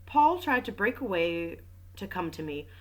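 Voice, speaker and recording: A woman's voice: medium pitch, very animated, unhurried, low-quality recording. A woman reading a mystery novel aloud, breaking off for casual, jokey asides. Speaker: reader and commentator. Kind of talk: casual read-aloud with commentary.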